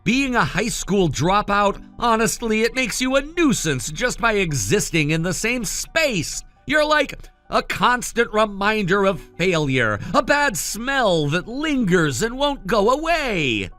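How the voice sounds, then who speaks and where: A man playing a scornful, higher-voiced younger brother. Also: big pitch swings, takes it slowly, bright, forceful tone, faint music behind, exaggerated voice. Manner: condescending, cutting, dismissive. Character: arrogant, contemptuous young medical-student brother. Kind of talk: dramatized family-conflict story dialogue.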